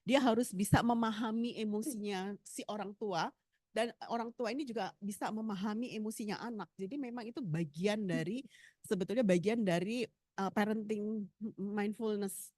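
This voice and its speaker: A woman's voice: mid-range voice, normal speed, darkish tone, dry recording, clean studio sound. A woman lecturer answering a seminar question, explaining with little acted examples of parent and child. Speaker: speaker, psychology lecturer.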